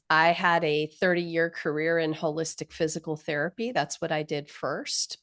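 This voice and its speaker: A woman in her fifties with a deep, low voice, made nasal by a bad cold. She hosts the session on a video call and talks eagerly, rambling and full of gratitude. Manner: enthusiastic, grateful, rambling with fillers. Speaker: publisher and host. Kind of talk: info session talk.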